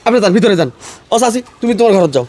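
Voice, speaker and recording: Lecturing neighbor man, fast high voice, male cast. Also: lively intonation, darkish tone. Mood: scolding. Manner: lecturing, admonishing. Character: neighbor man, scolding peacemaker. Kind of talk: melodramatic family drama acting.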